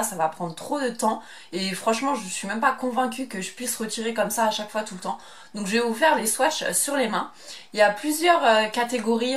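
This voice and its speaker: A young woman with a French accent, chatting casually through a beauty product review, rambling a little with hesitations. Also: fairly high pitch. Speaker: beauty vlogger.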